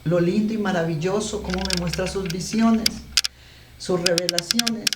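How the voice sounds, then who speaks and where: A man's voice: high voice, steady tone, normal speed, heavy background noise. A man preaching a sermon in an earnest, emotional way, often breaking off and restarting his sentences. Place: garage. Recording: echoey room, mic at a distance.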